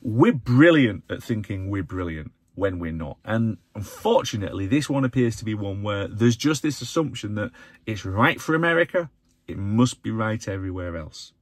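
An English man in his forties talking to camera from inside a parked car, animated and opinionated, often jumping up in pitch to stress a point. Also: moderate pace, no echo. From England. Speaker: vlogger, channel host. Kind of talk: casual to-camera vlog. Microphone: phone or camera held close in front.

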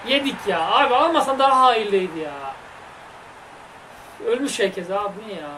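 A young man commenting on his own football game play, with frustrated and excited outbursts. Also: high-pitched, moderate pace, slight background noise, poor audio. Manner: shouting, frustrated, emotional outbursts. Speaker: gaming streamer. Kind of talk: excited live gameplay commentary.

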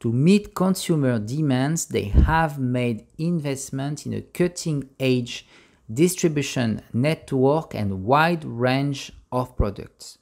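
A narrator reading a scripted voice-over in a measured way, with small grammar slips. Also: mid-range voice, lively intonation, vocal fry, a little mellow.

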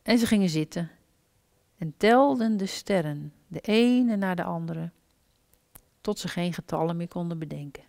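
A woman's voice: fairly low pitch, normal speed, gravelly, a little mellow, no echo. A woman reading a children's story aloud expressively during a church service.

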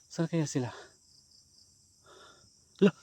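A man vlogging a ghost hunt outdoors, swinging between hushed narration to viewers and loud shouted challenges, out of breath. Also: slow pace, slight background noise. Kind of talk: night ghost-hunting vlog commentary. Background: crickets and insects.

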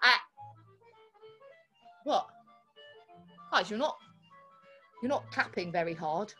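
A woman's voice: medium pitch, lively intonation, slow, sharp tone, faint music behind. A young woman hosting a children's show in a goofy, theatrical, mock-dramatic way, talking to kids at home. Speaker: children's entertainer host. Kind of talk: playful kids' show presenting.

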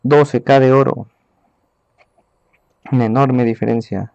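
A man casting a live esports match from home, his voice rough with fry. The sound is dry and close, with almost no room around it. He gives hurried play-by-play and speaks straight to the viewers. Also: mid-range voice, fairly even intonation, darkish tone, dry recording, muffled recording. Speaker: esports caster. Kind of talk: live game commentary.

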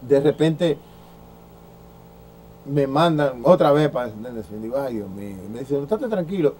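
A Dominican man in his sixties, a former baseball pitcher, telling stories in an interview and acting out the dialogue he quotes. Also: normal speed, a little hiss or hum. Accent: Dominican Spanish. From Dominican Republic. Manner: lively storyteller who acts out quoted dialogue, with frequent restarts. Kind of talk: anecdotal storytelling in an interview.

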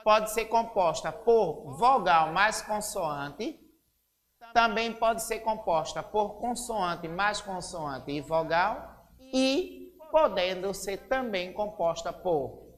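A woman teacher with a Brazilian accent giving a slow, deliberate literacy lesson, spelling out syllables. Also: mid-range voice, animated, long reverb tail. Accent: Brazilian Portuguese.

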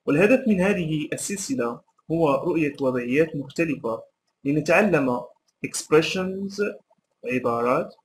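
Man, English teacher, explains in Arabic, repeats phrases slowly, slightly high voice, faint hiss. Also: expressive, poor audio. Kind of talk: language lesson.

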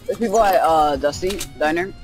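A man's voice: on the high side, brisk, music in the background. A young man chatting casually with his game squad in the brash, slangy way of a hyped gamer bro. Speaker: squad player in an online shooter game. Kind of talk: casual gaming chat. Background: loud game gunfire.

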